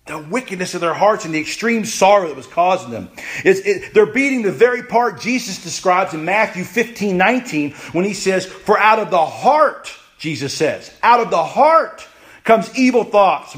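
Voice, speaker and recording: Emphatic high-voiced male preacher. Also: lively intonation, a bit bright. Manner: emphatic, repeats phrases, pace swings from rushed to slow. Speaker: pastor. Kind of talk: sermon.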